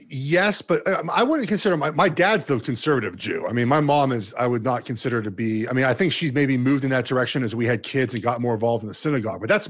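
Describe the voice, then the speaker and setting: A man talking as a guest in a casual chat, hesitant and restarting often. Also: mid-range voice. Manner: hesitant, many fillers and restarts.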